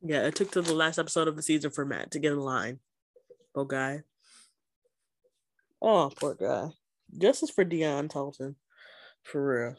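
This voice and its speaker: A woman co-hosting a podcast in casual chat, animated and joking with frequent laughs. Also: low-pitched, normal speed, pauses often. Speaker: podcast co-host.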